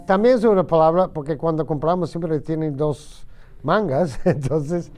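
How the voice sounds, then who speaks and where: A middle-aged male teacher drills vocabulary in a classroom, taking his time over every word. His voice sits a little high for a man but sounds soft and mellow, and he leads patient call-and-repeat practice. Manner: slow, patient, repeats words for students to echo. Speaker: ESL teacher.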